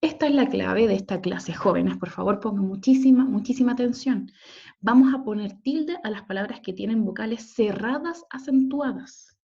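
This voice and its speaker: A woman's voice: fairly high pitch, moderate pace, vocal fry, mellow. A woman teacher giving a recorded grammar lesson over slides, patiently spelling out letters and syllables and checking in with her students. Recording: dull lo-fi home recording.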